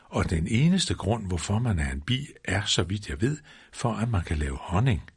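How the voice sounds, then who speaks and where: A man's voice: lowish voice, sing-song, slightly rough, heavily acted. A man voicing a simple, honey-loving male teddy bear who muses aloud and hums little rhymes in a storybook reading. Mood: pondering. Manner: musing aloud, sing-song rhymes.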